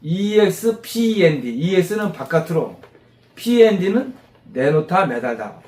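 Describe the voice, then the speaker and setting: A man teaching English vocabulary to a class of mothers, animated, quizzing them and drilling repetition. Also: fairly high pitch, moderate pace. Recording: roomy classroom echo.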